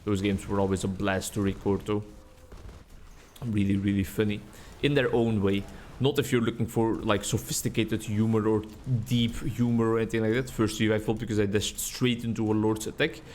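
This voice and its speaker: Speaking English into a desk mic, this Dutch YouTuber from the Netherlands offers rambling, chatty, self-deprecating commentary on his gameplay; Dutch is his native language. He keeps a fairly low, steady, darkish voice at a moderate pace over slight background noise.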